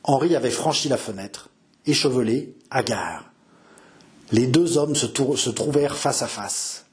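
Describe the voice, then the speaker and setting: A man reading a historical novel aloud with theatrical, emphatic narration. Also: medium pitch. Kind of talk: dramatic audiobook narration.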